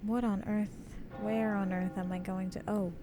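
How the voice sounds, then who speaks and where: A woman's voice: medium pitch, little pitch movement, normal speed, over music. A woman giving chatty gameplay commentary as a let's play host, talking herself through things in a flustered way. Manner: chatty, flustered self-talk.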